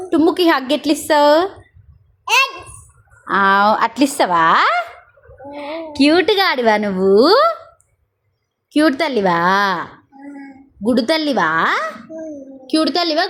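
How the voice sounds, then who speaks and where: A young woman, talking playfully to a baby in repetitive, coaxing, sing-song questions. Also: high voice.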